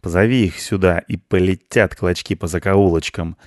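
A man voicing a lazy, smug male ginger cat with a slow drawl. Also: low voice, steady tone, no room sound, clean studio sound, lightly acted.

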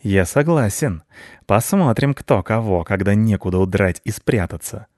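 A man voicing a big, predatory male cat who talks slowly and menacingly, for a storybook reading. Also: fairly low pitch, animated, a little mellow, no room sound, clean studio sound. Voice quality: slow, menacing.

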